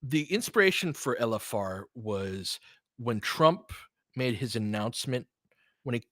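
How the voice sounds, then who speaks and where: Talking off the cuff to listeners, this sports podcast host and play-by-play streamer comes across as earnest, rambling and freely profane. His mid-range voice is expressive and a bit bright, moving at a measured pace. The studio-quality recording has no room sound.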